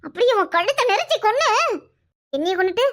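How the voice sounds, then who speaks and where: A woman's voice: very high voice, sing-song, fast, full character voice. A woman voicing a distraught, tearful village woman in a cartoon, wailing, pleading and scolding with a Kanyakumari Tamil accent. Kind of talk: cartoon voice acting.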